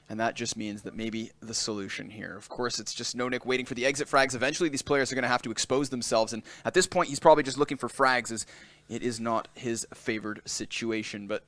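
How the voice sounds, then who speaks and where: A man calling live esports play-by-play, brisk and analytical. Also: mid-range voice, fairly bright tone, no echo. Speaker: esports caster.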